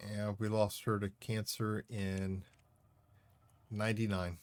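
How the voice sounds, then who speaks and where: A man's voice: on the low side, level tone, slow pace, clear, resonant tone. A man streaming a space game, chatting casually and talking back to the game. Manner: rambling, talks back to the game. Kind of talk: casual chat while playing.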